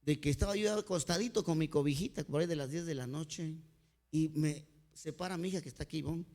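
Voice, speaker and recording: A man's voice: a little high, fast. A male pastor with a Mexican accent, preaching a sermon through heartfelt personal stories. He keeps calling his listeners "brother" as he builds each point. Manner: earnest storytelling, often addressing listeners as "hermanito"; dynamic delivery, sudden swings in loudness.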